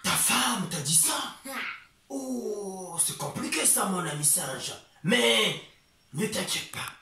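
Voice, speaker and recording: A man's voice: animated, vocal fry, bright, forceful tone, recorded from a distance, heavily acted. A man doing a sly scheming crocodile in an echoey room. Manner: high coaxing questions, then low slow murmuring promises. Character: sly male crocodile, falsely friendly and scheming.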